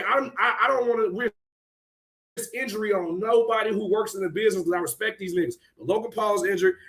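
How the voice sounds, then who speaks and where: A man co-hosting a casual podcast chat, ranting in a heated, profane way, often shouting and breaking into laughter between points. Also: high-pitched. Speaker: podcast co-host.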